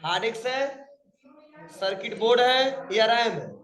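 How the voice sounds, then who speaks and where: A man teaching a computer class, quizzing his students and repeating each question slowly. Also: extremely high pitch, fairly bright tone, roomy sound. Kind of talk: classroom quiz lesson.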